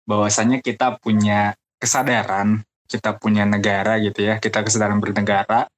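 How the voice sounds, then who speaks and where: A man's voice: on the low side, flat delivery, brisk, a little hiss or hum. A young man, co-hosting a podcast and explaining things informally in a rambling way with tag questions. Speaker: podcast co-host. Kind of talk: casual discussion.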